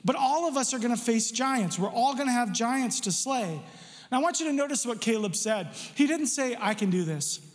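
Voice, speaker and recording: High-voiced preaching man, echoing hall. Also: expressive, normal speed. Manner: emphatic preaching with rhetorical questions. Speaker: pastor. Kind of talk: sermon.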